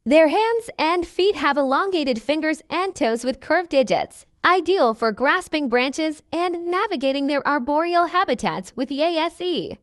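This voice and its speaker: Woman, nature documentary narration, animated pitch movement, dry close sound, scripted educational delivery. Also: unhurried, hardly any pauses, dry recording.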